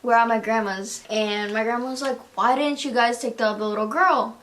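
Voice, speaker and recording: A woman's voice: a little high, normal speed, slight background noise. A young woman casually telling ghost stories on a vlog, acting out the quotes and saying "like" a lot. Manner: animated storyteller, acts out quotes, lots of "like". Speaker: vlog co-host.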